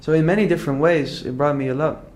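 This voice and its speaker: Fairly high-pitched and darkish in tone, a young Dutch man talks quickly with fairly even intonation. As an entrepreneur guest in a casual interview, he is earnest and keeps starting over, leaning heavily on "like."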